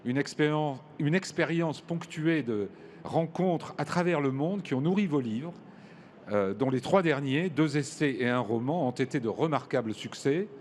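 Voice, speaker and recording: A man moderating a panel discussion, giving formal, measured introductions to his guests. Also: on the high side, lively intonation, a little mellow, slight background noise. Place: large hall at a public event.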